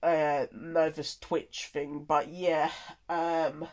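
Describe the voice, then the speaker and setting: A tired, cold-stuffed content creator stumbles through a rambling, informal update. The medium-pitched voice is delivered flatly and carries a somewhat dark tone.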